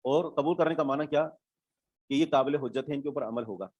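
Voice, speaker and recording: A man teaching an online religious studies class. He explains each term patiently, repeats key words and checks that his students are following. His voice sits at a middle pitch and sounds dry and close to the mic. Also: moderate pace, a little mellow, slightly rough, no room sound. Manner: explains step by step, repeats terms, checks understanding.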